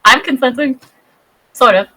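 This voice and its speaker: A woman's voice: normal speed, bright, forceful tone, rough recording. A woman in her thirties chatting casually as a podcast guest, bubbly and talkative. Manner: bubbly, chatty, acts out high-pitched voices in her stories.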